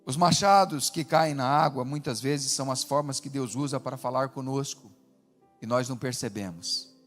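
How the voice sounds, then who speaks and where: A man preaching a sermon as pastor, animated, swinging between loud calls and hushed asides. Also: mid-range voice, normal speed. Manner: animated preaching with acted quotes, rising and dropping to a hush. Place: large church hall. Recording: long hall reverb with faint music.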